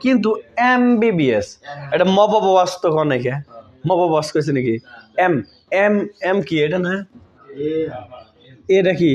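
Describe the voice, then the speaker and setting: Guy teaching grammar, kinda high voice, slightly muffled audio. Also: animated, slow pace, long pauses, a little mellow. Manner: conversational, asks pupils checking questions. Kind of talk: informal classroom explanation.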